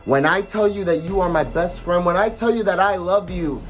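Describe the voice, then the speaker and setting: A man's voice: high-pitched, moderate pace, rough recording. Male pro wrestler, taunting promo, theatrical delivery, repeated phrases, mock questions, music in the background. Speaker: professional wrestler, tag team partner. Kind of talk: wrestling promo monologue, trash talk.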